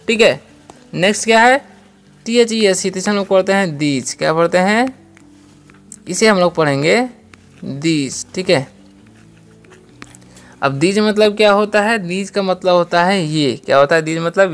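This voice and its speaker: A patient teacher leads a beginner language lesson and spells each new word out letter by letter. The teacher keeps quizzing listeners with a question and then answering it. Example sentences come out slowly and carefully. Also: mid-range voice. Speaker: English teacher.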